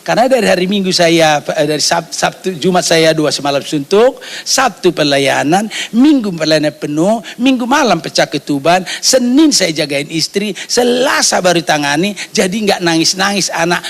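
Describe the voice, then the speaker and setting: A middle-aged man preaches in a high, gravelly voice. He tells his stories with animation, acting out each side of the dialogue. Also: lively intonation, normal speed, hardly any pauses. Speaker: pastor. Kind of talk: storytelling sermon.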